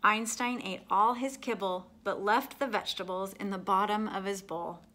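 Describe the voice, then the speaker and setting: For an audience of young children, a woman narrates a picture book with deliberate, expressive delivery in a medium-pitched voice.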